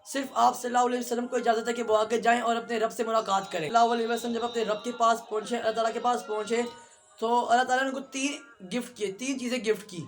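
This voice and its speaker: A man's voice: extremely high pitch, steady tone. A man vlogger earnestly retelling a religious story and speaking straight to his viewers. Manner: earnest, fast storytelling with direct address to viewers.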